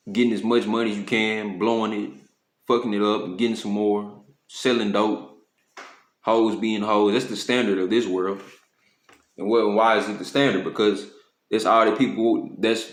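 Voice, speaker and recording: A man preaching informally to a camera in street slang, with profanity, often asking "you know what I'm saying," and slowing down to read scripture. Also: lowish voice, steady tone, roomy sound. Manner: slows to read scripture aloud. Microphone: phone or camera.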